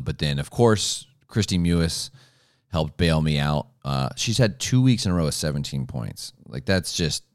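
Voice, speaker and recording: Deep-voiced man on a sports podcast. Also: no echo, clean studio sound. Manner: chatty, teasing, easygoing. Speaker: podcast co-host. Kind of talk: casual sports podcast chat.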